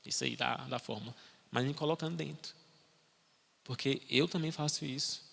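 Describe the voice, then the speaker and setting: Young male preacher, gravelly and bright, emphatic sermon delivery, long reverb in a church hall. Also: normal speed. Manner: emphatic, rises in pitch to exhort, drops low to drive points home.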